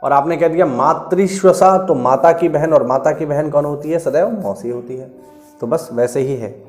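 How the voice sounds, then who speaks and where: A man's voice: on the high side, normal speed, darkish tone, soft background music. A man delivers an exam-prep lecture in a slightly raised voice. He explains patiently and says key words twice or three times so students catch them. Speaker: Hindi teacher.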